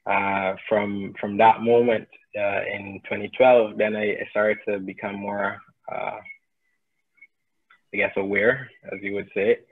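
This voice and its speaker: A man's voice: on the low side, level tone, unhurried, slightly rough. A man from Barbados introducing himself as an energy healer on a video call, hesitant with many fillers and restarts. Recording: tinny phone-like line.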